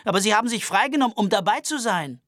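A man's voice: high voice, animated, quick pace, a bit bright, no echo, studio quality, voice pushed up. A man voicing a nervous, rambling sheep farmer in a Western audiobook, babbling and laughing nervously.

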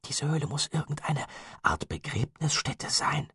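A man with a husky voice, voicing a curious teenage boy who explains things with a teasing edge. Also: sits low, big pitch swings, normal speed, dry recording, studio quality, heavily acted. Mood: hushed.

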